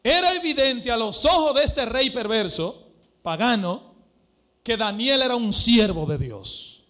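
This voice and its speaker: A male pastor delivers a fervent sermon in a strikingly high voice. His tone is bright and forceful. He moves between hushed stretches and shouted peaks, questioning his congregation directly. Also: animated, unhurried.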